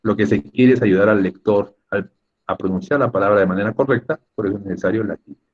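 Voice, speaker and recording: A man's voice: fairly low pitch, quick pace, breathy edge, lo-fi sound. A man teaching a spelling lesson in an online class, chatty and joking with his students over a computer mic.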